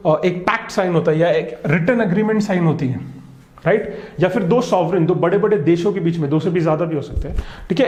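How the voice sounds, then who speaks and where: High-pitched Indian man teaching vocabulary. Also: a little mellow, reverberant. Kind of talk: online vocabulary lesson.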